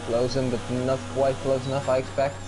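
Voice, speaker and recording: A man's voice: completely flat delivery, fairly quick. A man giving casual live race commentary as a co-commentator on a stream. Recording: noisy mic with car engine rumble.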